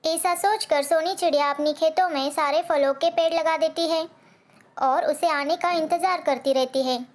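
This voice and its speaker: A woman's voice: high voice, steady tone, moderate pace. A woman narrating a children's cartoon story in a simple, sing-song way.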